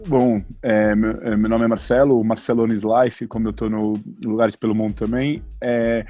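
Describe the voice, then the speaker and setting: A man's voice: fairly low pitch, flat delivery, normal speed, mellow, soft background music. A man in his forties from São Paulo, talking about travel as a podcast guest, often restarting his sentences. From Brazil (São Paulo). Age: 40s. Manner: hesitant, many restarts and fillers. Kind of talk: casual interview talk.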